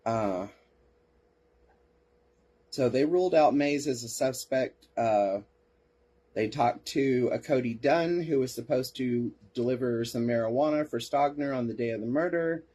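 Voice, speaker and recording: A man's voice: medium pitch, measured pace, mellow. A man hosting a podcast, reading case reports aloud and breaking off for sarcastic asides and replies to listeners. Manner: sarcastic asides, answers chat comments. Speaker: podcast host.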